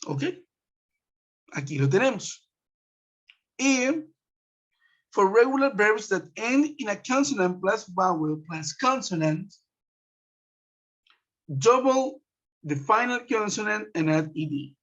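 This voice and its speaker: Slow, patient man teaching online. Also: high voice, sing-song, a bit bright. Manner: patient, repeats rules step by step, checks in with "ok?". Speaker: English teacher. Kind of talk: online class explanation. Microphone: web conference computer mic. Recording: dull lo-fi web conference audio.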